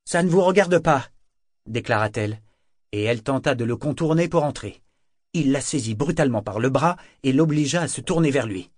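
A man's voice: dry recording, studio quality, natural voice. A man reading an audiobook, voicing a tipsy, fiery young woman who shrieks in defiance. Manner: shrill, shrieking.

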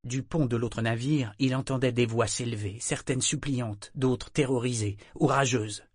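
A man narrating an adventure novel in measured storytelling. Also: medium pitch, steady tone, darkish tone, husky, dry recording, studio quality. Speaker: audiobook narrator. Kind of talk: scripted narration.

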